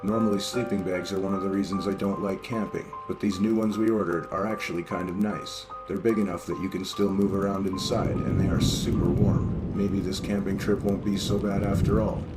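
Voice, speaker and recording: A man reading horror stories aloud in a steady, even narration. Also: sits low, fairly quick, few pauses, over loud music, low-quality recording. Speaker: story reader. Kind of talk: scripted horror story narration.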